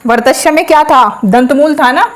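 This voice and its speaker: A woman with a slightly high voice teaches a classroom lesson step by step, pausing to pose questions she then answers herself. She slowly sounds out each letter aloud so the class can repeat it for practice.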